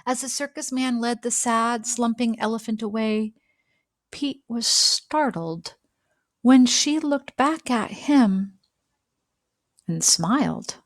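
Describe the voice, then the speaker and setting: A woman with a slightly high voice narrates a picture book for children. She takes her time, phrasing deliberately and pausing for drama. The sound is dry, with very little room in it. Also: no echo. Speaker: storybook reader. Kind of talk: expressive children's read-aloud narration.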